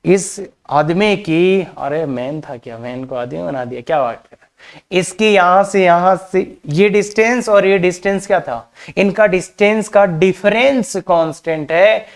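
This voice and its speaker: A man's voice: high voice, a little slow. A male maths teacher giving a classroom lecture. He talks in a chatty way, slips English terms into his speech and keeps calling his students kids. He throws out rhetorical questions as he works through each step. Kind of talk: classroom lecture on coordinate geometry.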